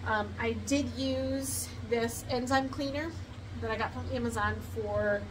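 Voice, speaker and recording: Middle-aged woman, casual rabbit-keeping vlog, loose and chatty with frequent ums; recorded a little off-mic with steady background noise. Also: a little high, a little slow, distant mic. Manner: chatty, many ums, restarts. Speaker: rabbit keeper vlogger. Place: barn with cement floor, then outdoors in a yard. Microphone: camera a little way off. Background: passing motorcycles and outdoor ambience.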